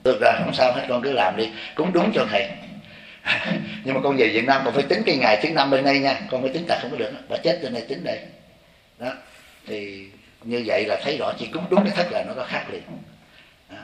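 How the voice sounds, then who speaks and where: A man, a Buddhist monk giving an animated dharma talk to a congregation and often asking them if they see. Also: medium pitch, quick pace, reverberant. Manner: animated, repeats "thấy không?" to the audience.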